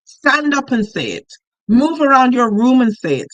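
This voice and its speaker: A woman coach teaching casually on a live show, chatty and animated, acting out the voices of the people she quotes. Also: sits high, normal speed, no room sound, muffled recording. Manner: chatty, laughs while talking. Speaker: money mindset coach.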